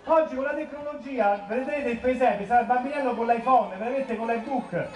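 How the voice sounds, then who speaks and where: A man's voice: very high voice, fairly quick, a little hiss or hum. A man in his forties with a Roman accent, doing rambling live stand-up cabaret on an outdoor piazza stage. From Rome. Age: 40s. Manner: chatty, rambling, filler-heavy. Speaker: cabaret comedian. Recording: echoey outdoor stage, far off, crowd.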